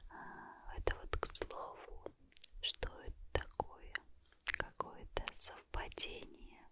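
A tired young woman chatting in a gentle, breathy whispered murmur, ASMR style, very close to a condenser microphone. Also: slow. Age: young adult. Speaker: ASMR host. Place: small dim room, lying on a pillow. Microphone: large condenser mic very close to mouth.

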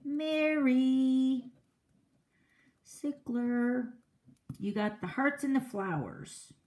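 A woman's voice: high-pitched, extremely slow, a little mellow. A middle-aged woman hosting a card-making livestream, chatting casually with viewers in a boisterous, outspoken way and laughing often. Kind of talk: casual live-stream chat.

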